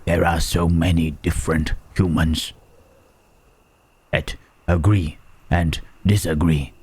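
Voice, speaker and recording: A man playing a gentle, brooding, melancholy monster in an ASMR roleplay, with halting, solemn, formal speech and a breathy voice. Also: exaggerated voice. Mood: brooding, wistful. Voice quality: husky, breathy, deep.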